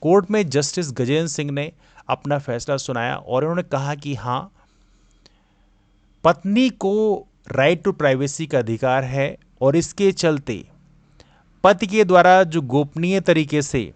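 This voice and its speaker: In a dry recording, a man who coaches students for exams presents a current-affairs lecture, explaining things didactically. His fairly high voice is animated but a little slow, and he switches between Hindi and English terms.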